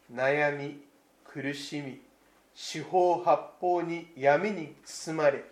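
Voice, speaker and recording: Male pastor, fairly high voice, slow reflective sermon, echo of a church hall. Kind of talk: Christmas sermon.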